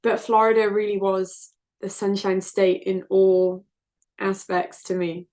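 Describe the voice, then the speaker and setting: A woman's voice: medium pitch, monotone, measured pace, darkish tone. A woman, a singer-songwriter answering interview questions in an earnest, reflective way. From South Wales, UK. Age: 20s. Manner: earnest, open, reflective storytelling.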